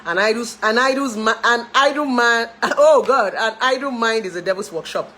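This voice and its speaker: A fairly high, sharp-toned voice at a moderate pace belongs to a Nigerian-accented woman in her thirties. She works as a relationship therapist and chats casually to camera about her life for her followers, laughing frequently and using pidgin. The recording quality is low.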